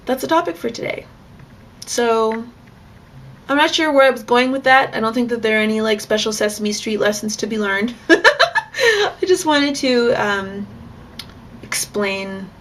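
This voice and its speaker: A young woman vlogs in a frank, chatty way, her voice carrying a gravelly fry. A faint hiss of noise sits under the recording. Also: medium pitch. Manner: frank, chatty, with bursts of laughter. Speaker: vlogger. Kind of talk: casual candid vlog monologue.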